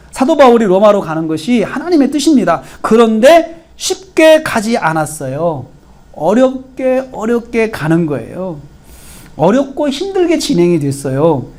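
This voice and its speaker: A male pastor preaching an expository sermon, building to emphatic, stressed peaks and then dropping to soft near-whispers. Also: high-pitched.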